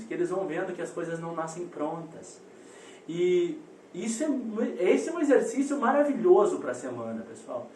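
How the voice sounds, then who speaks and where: A man, in his thirties, coaches parents over a live video call, his voice high for a man. He talks straight to his listeners in an animated storytelling manner. The sound is roomy and echoing, with a faint hiss behind it. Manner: animated storyteller addressing the audience directly. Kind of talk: live online parenting talk. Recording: roomy echo, distant mic, faint noise.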